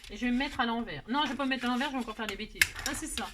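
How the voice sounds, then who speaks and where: Talking rapid-fire in a fairly high voice, a woman runs a casual craft tutorial on card-making and laughs at her own slip-ups. The background is noisy.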